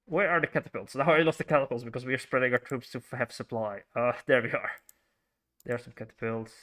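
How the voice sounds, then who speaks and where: Talking fast in a steady, mid-range voice with a fairly bright tone, a Frisian Dutch-accented man streams a strategy game. He thinks aloud, says hello to viewers, and trips over fillers and restarts in casual livestream commentary.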